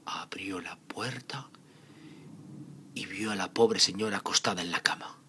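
A man narrating a children's fairy tale in a theatrical way, with dramatic repetitions and pauses. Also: sits low, bright, forceful tone, a little hiss or hum. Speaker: storyteller.

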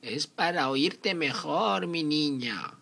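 Man as a drawn-out, high fake granny wolf. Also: animated, gravelly, sharp tone, exaggerated voice. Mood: coaxing menace. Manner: drawn-out, feeble, coaxing. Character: wolf faking a frail old grandmother's voice.

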